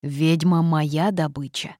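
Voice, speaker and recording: A woman's voice: low voice, steady tone, slow pace, mellow, dry recording, clean studio sound. A woman voicing a stern male demon who lectures and threatens, in an audiobook. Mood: menacing. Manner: lecturing, droning.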